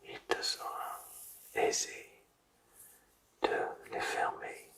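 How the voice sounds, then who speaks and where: A person whispering quietly, as if at night, in a slow, soothing, deliberate ASMR style, guiding a listener toward sleep with long pauses. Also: recorded from a distance.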